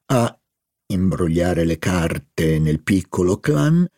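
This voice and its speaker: Slow, expressive male audiobook reader. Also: mid-range voice, no echo, clean studio sound. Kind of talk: literary audiobook narration.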